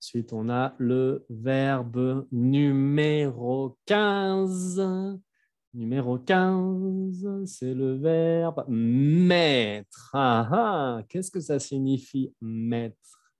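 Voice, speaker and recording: Slow-spoken man teaching. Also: mid-range voice. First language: French. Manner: slow, careful enunciation of each example, relaxed and chatty explanations. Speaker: French teacher. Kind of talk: language lesson, conjugating verbs and explaining example sentences. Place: home office.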